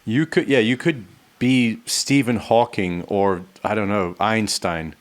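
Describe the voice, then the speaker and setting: Low-voiced man musing aloud. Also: slow pace. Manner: musing, half-serious questioning. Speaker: podcast co-host. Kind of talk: casual studio chat. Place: studio.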